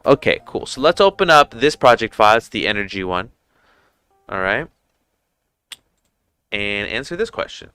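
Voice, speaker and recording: Casual male streamer from Puerto Rico, 30s, clear, smooth tone, faint music underneath, headset mic. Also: medium pitch, pushed and bright. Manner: rambling, informal, many fillers and restarts. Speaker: livestream host. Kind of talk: casual livestream chat.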